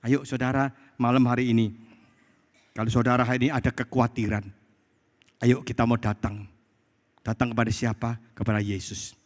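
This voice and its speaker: A male pastor preaching to a congregation, asking himself questions and swinging between loud exclamations and quiet asides. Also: mid-range voice, flat delivery, brisk, pauses often. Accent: Indonesian. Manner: rhetorical questions answered himself, addresses congregation as saudara. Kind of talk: sermon. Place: church hall. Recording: long hall reverb.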